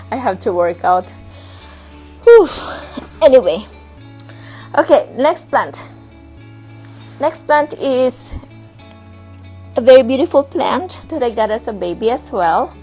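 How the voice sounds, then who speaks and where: A woman vlogging casually at home, showing her houseplants and pausing to hunt for words. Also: fairly high pitch, very animated, mellow, breathy edge, soft background music, rough recording. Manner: chatty, pauses to hunt for words. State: slightly out of breath. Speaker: plant vlogger. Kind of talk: casual show-and-tell vlog. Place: home with plant shelf, indoors.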